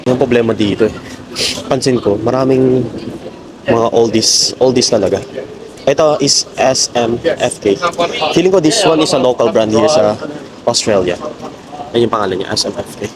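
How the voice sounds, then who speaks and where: A Filipino travel vlogger walks through a city street at night, chatting casually to viewers he calls "guys" and mixing Tagalog with English. His mid-range voice moves at a moderate pace with frequent pauses, and the noisy outdoor recording picks up a crowd, street sounds, and traffic.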